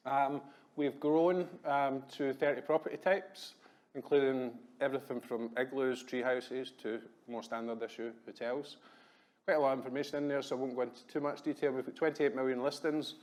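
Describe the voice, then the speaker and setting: A Glaswegian man in his thirties, with a medium-pitched voice and a Glasgow accent, gives a quick, chatty business presentation at a conference in a hotel conference room. He's self-deprecating and uses plenty of ums.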